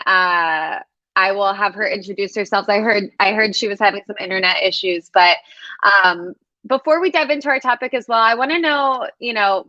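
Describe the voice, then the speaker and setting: A woman's voice: mid-range voice, pushed and bright, no echo, dull audio. A young woman hosting a live stream over a video call, upbeat and chatty with lots of fillers. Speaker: host of a student live stream.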